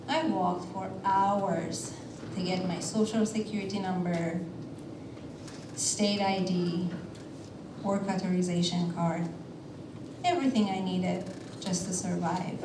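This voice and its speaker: A woman from Iran telling a personal story on a theater stage in a measured way, with deliberate pauses. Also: mid-range voice, noisy background. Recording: roomy theater sound from a distance.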